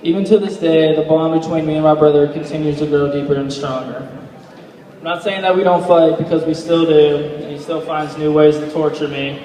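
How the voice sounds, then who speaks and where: Young male best man, higher voice, rambling heartfelt speech with hesitant delivery, recorded from afar in a reverberant hall. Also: fairly even intonation, a little fast, mellow. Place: large reverberant indoor reception room. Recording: echoey hall, distant microphone.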